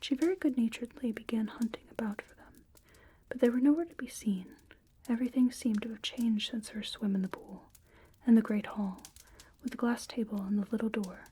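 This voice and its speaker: A woman in a whispered role-play as a librarian, using a soft, breathy library whisper with a gentle, unhurried murmur. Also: on the high side, a little hiss or hum. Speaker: ASMR performer playing a librarian.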